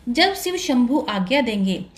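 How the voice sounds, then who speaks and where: A woman's voice: fairly high pitch, sing-song, a little slow. A woman storyteller voicing a spirited young female celestial dancer who speaks forthrightly. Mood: curt. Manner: indignant, forthright. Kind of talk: storybook narration.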